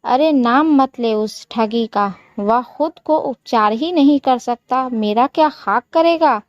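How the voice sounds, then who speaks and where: A woman voicing a harsh, scornful middle-aged mother-in-law who taunts and scolds, in a slow storybook telling. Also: a little high, no echo, highs cut off. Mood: scolding.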